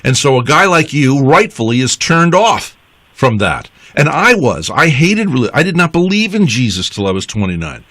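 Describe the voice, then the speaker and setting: Male radio host, lively swooping voice, preachy and teasing, dry close mic. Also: medium pitch, normal speed, dry recording. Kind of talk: casual radio banter.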